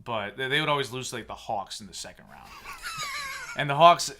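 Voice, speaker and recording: A man's voice: mid-range voice, wildly swooping pitch, moderate pace, noisy background. A man in his thirties hosting a casual sports podcast, opinionated and sarcastic as he rants. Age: 30s. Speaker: podcast host.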